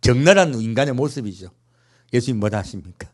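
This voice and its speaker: A pastor preaching a sermon in a church, asking the congregation rhetorical questions, with playful humorous asides. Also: male voice, medium pitch, lively intonation, fast, a little mellow.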